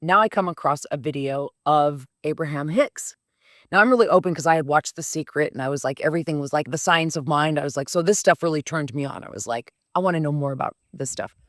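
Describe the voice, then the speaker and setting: A podcast host in her 50s tells a personal story in a low-pitched voice, recorded in the studio with no room sound. Her casual manner is blunt and forceful. She swears throughout and stays animated and emphatic.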